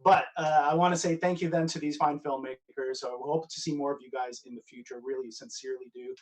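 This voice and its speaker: A man's voice: on the high side, steady tone, quick pace. Stumbling male festival host, off-mic. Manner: stumbling, apologetic, stuttering. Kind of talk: hosting a live festival Q&A. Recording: distant from the mic.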